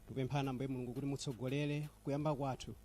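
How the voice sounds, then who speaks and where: A man with a Malawian accent leads a public prayer. He moves quickly through it in a mellow, relaxed voice of middle pitch. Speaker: volunteer leading prayer.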